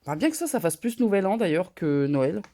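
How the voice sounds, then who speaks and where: A woman with a head cold, talking through her nose and a bit loudly as she chats casually through a craft haul. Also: on the low side, sing-song, a little fast. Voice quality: nasal. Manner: talks a bit loud, chatty with fillers. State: congested from a cold, nasal. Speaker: scrapbooking vlogger. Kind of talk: casual haul show-and-tell.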